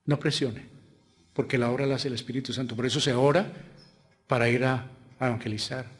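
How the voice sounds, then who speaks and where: A pastor with a Colombian Spanish accent preaches a sermon, posing rhetorical questions and alternating loud, emphatic lines with quiet asides. His medium-pitched voice has fairly even intonation and a slightly fast pace.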